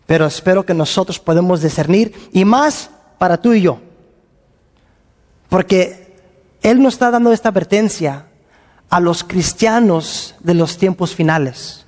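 A man preaching, his voice sitting unusually high for a man. He reads scripture and acts out the people he quotes with lively energy. A long reverb trails each phrase, as in a church hall. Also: unhurried. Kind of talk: sermon with Bible reading.

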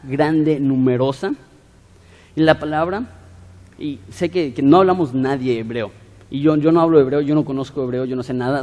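A man's voice: on the high side, warm tone. A man preaching a sermon, explaining word meanings with everyday examples to a congregation. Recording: long hall reverb.

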